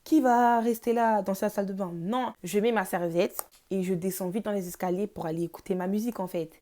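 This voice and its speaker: A woman's voice: mid-range voice, steady tone, brisk, mellow. Young woman telling a slangy storytime. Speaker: vlogger. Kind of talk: casual storytime. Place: home, noisy household.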